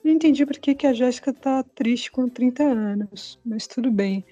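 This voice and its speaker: Woman, 40s, playful guest, mellow and slightly high voice. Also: normal speed, muffled recording. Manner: playful, joking. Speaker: podcast guest. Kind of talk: casual podcast chat.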